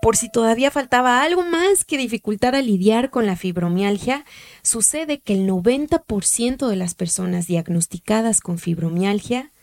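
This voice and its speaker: A woman hosting and narrating a podcast in a calm, measured, explanatory way. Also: fairly high pitch. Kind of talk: scripted narration.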